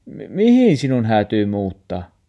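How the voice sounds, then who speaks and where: A man reading a storybook, playing a kind, reassuring grandfather who coaxes gently in dialect. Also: medium pitch, animated, gravelly, muffled recording, pitched above the performer's own voice. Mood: coaxing. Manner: warm coaxing dialect speech.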